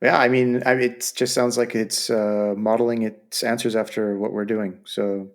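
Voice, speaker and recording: A man's voice: fairly low pitch, level tone, moderate pace. A man co-hosting a casual podcast chat, playful and mock-grand, often laughing as he talks. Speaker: podcast co-host.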